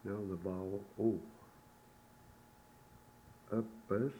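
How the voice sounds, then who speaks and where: A man teaching pronunciation on an old tape recording, speaking in a slow, measured way and repeating words for the listener to echo. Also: low voice, mellow, a little hiss or hum. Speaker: language teacher.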